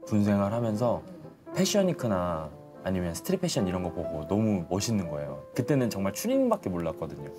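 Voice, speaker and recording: A man's voice: low-pitched, huge pitch swings, quick pace. A man, a former career soldier turned tailor, telling his story as a talk show guest in an earnest, reflective way. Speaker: guest, tailor and shop owner. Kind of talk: casual interview. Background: music.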